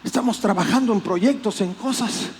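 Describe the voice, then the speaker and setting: A man preaching a sermon as pastor, animated and acting out plaintive voices. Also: high-pitched, moderate pace, music in the background. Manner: animated, acts out voices of complaint.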